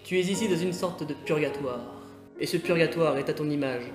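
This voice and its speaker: A man acts out a solemn spirit of purgatory, speaking slowly and gravely in a slightly high voice. Soft music sits beneath him in this amateur film. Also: reverberant, lightly acted. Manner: measured, solemn speech. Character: solemn male spirit judging souls in purgatory.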